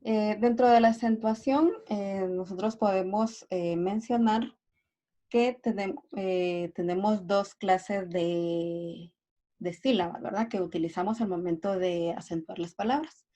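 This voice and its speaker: A woman's voice: medium pitch, fairly even intonation, a little slow, dark tone. A woman teacher giving a review lesson, hesitant, full of fillers and tag questions.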